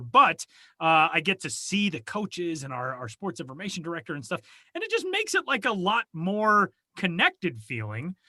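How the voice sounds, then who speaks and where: His voice is fairly high, pushed and bright, and the recording is dry. This man co-hosts a podcast from a small soundproofed closet, chatting casually, rambling and making fun of himself through a home studio mic on a video call.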